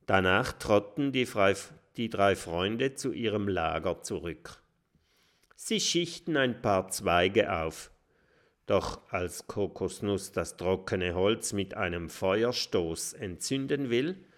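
A man narrating a children's audiobook with expressive, dramatic storytelling. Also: on the low side, slow.

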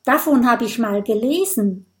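A woman voicing a clever, helpful little boy dragon in a children's audiobook, explaining calmly. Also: fairly high pitch, moderate pace, lightly acted. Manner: explaining, calm and resourceful.

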